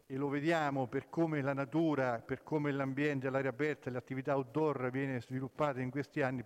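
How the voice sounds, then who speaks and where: A man gives a formal, halting council speech through a face mask, repeating points for emphasis. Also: mid-range voice. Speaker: local councillor speaking for the administration. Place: reverberant council meeting hall. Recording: echoey hall with long reverb.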